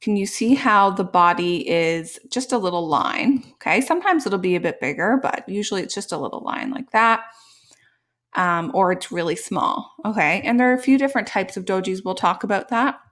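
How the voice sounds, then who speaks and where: A woman's voice: medium pitch, animated, moderate pace, a bit bright. A woman hosting a casual trading tutorial with a slightly congested, sore-throat voice, often checking in with okay and right. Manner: frequent check-in tags like okay, all right, right. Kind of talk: casual tutorial explanation over live charts.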